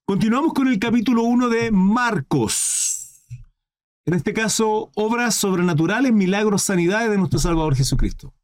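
Expressive high-voiced male preacher. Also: moderate pace. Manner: reads scripture aloud then comments, asks rhetorical questions, jokes with viewers. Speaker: preacher leading a Bible study. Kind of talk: livestreamed Bible study sermon. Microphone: livestream microphone.

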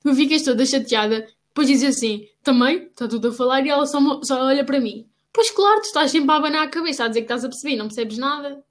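A woman's voice: high voice, fast talker, hardly any pauses. A young woman with a European Portuguese accent in casual chat, teasing her friend in a mock-scolding way.

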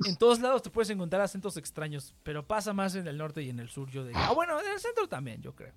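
A young adult speaking Spanish with a Mexico City accent, talking loosely and rambling from one thought to the next. The speech is thick with slang, the pitch sits in a middle register, and laughs keep slipping in between phrases. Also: sing-song, fast talker, a crowd in the background. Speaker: friend chatting. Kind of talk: casual chat.

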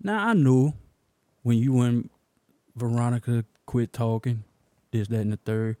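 A man's voice: mid-range voice, unhurried, warm tone, no room sound. A young man co-hosting a casual podcast, ranting bluntly, swearing and laughing often. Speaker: podcast co-host.

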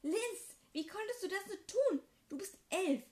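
A woman voicing a furious young teenage boy who shouts and scolds his younger sister, in an amateur audio story reading. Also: very high voice, animated, unhurried, voice pushed up. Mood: outraged. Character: furious young teen boy, protective older brother.

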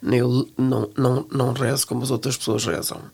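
Older woman guest, European Portuguese accent, husky and hesitant, thinks aloud. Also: a bass voice, level tone, fairly quick, darkish tone. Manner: reflective, frequent hesitations and restarts. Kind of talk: relaxed interview conversation.

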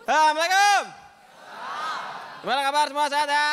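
A man's voice: extremely high pitch, lively intonation, quick pace, crowd noise, background noise. A young man performing a stand-up comedy set in casual, slangy banter, acting out scenes and laughing between jokes. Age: young adult.

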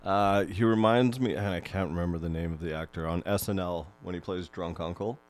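Young male co-host, very deep voice, relaxed casual chat, trails off. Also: a little fast. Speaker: podcast co-host.

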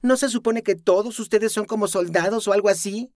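A sarcastic young woman who taunts her opponents in a high, cutting voice. A man puts her on for an audiobook. The recording is dry. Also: a little fast, darkish tone, no room sound, natural voice. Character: mocking, sharp-tongued young woman.

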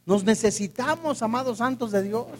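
A man preaches a sermon in a high, ringing voice. He presses his points with emphatic rhetorical questions to the congregation. A long reverb from a large hall trails after his words. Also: moderate pace, a little hiss or hum.

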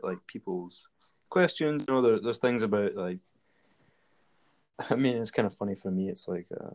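A man's voice: lowish voice, a little mellow. A man talking casually and rambling, with many fillers and restarts. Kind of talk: casual conversation.

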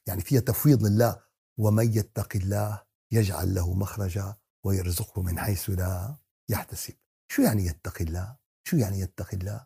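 A man teaching Quran commentary. He asks the audience questions, answers them himself, and addresses the listeners warmly. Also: medium pitch, creaky, slightly rough. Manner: talks to the audience as "beloved ones" in a warm teaching tone.

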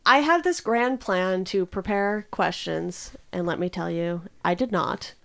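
A woman hosting a podcast in natural, unscripted casual talk, informal and self-deprecating, quick to laugh. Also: fairly low pitch, gravelly, a bit bright. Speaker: podcast host.

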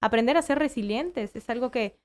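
A woman with a fairly high voice talks in a relaxed conversation. She works with children and explains her methods with lively acted-out examples. Her voice sits a little above the usual range for a woman. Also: a little fast. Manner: animated, acts out quoted voices. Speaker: guest, child educator. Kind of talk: casual conversation.

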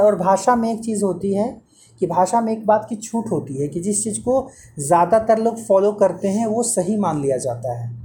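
A man's voice: high-pitched, dark tone, slight background noise. A man teaching Hindi pronunciation to a student one-on-one, patiently repeating sounds and correcting mistakes.

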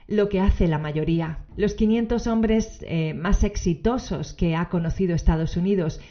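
A woman's voice: lowish voice, normal speed. A woman hosting a solo podcast, explaining in semi-scripted narration, addressing one listener directly. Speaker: podcast host. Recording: dull lo-fi audio, faint music behind.

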